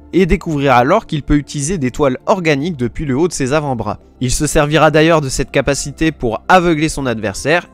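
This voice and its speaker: Slangy storytelling YouTube guy, higher voice. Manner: relaxed, slangy asides to viewers. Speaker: YouTube host. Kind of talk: casual storytelling narration.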